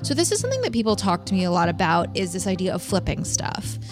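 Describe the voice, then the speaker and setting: A woman hosting a podcast in casual, chatty style with vocal fry, often dropping in "like" as she gives advice. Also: on the low side, huge pitch swings, quick pace, soft background music. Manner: casual, peppered with "like". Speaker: podcast host.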